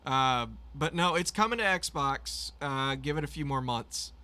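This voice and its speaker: A man's voice: mid-range voice, expressive, measured pace, sharp tone. A man co-hosting a live stream in easygoing casual chat over an online voice-chat mic that keeps cutting in and out, so his volume jumps around. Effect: mic cutting in and out, uneven volume.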